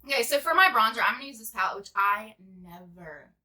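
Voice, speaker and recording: Bright-voiced chatty young woman. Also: fairly high pitch, animated, fast talker. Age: 20s. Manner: rambling, chatty, heavy use of "like". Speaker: beauty vlogger. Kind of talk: casual makeup tutorial chat.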